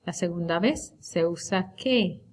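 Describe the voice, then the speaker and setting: A woman teaching Spanish, reviewing a unit for an exam. She speaks slowly and deliberately and draws out the example words. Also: on the low side. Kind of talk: recorded lecture review.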